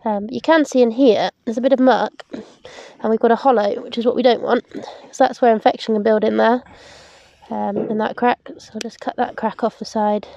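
A young English woman who keeps livestock gives a casual farm demonstration, explaining chores practically and unhurriedly as she works with her hands, saying "um" a lot. Her fairly high voice is gravelly and warm with fairly even intonation. A camera a few metres away records her outdoors in a paddock and inside a big open barn, and the audio sounds dull.

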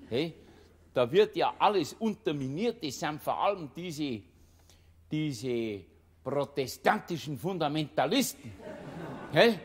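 A man's voice: fairly high pitch, animated, slow. An older man with a Bavarian accent doing a satirical stage monologue, rambling and breaking himself off, tagging nearly every line with a little question. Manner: rambling, self-interrupting, tags lines with "ne?" and "gell?". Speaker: cabaret performer. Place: live stage before an audience.

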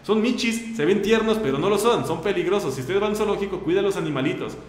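A man's voice: sits high, lively intonation, fast talker, reverberant. A man hosting a radio show in a casual, joking way, with a Mexican Spanish accent and chatty asides. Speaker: radio host. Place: radio studio.

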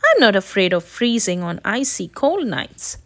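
A woman's voice: medium pitch, very animated, normal speed, a bit bright. A woman voicing a polite, anxious little boy turtle from a storybook, earnest and pleading. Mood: polite refusal.

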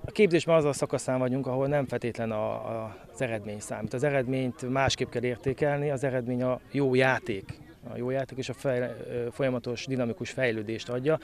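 Man, thirties, football coach, mid-pitched voice, outdoor interview, handheld mic. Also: steady tone. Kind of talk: post-match interview. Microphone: handheld interview microphone.

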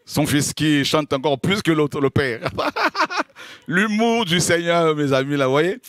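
A man from the French Caribbean preaching an informal sermon, humorous and lively, laughing often and acting out little scenes as he teaches. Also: a little high, measured pace, no echo, studio quality.

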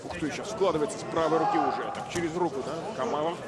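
Fast high-voiced male fight commentator, loud crowd. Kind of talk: live sports commentary. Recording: loud crowd and music behind. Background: noisy arena crowd and music.

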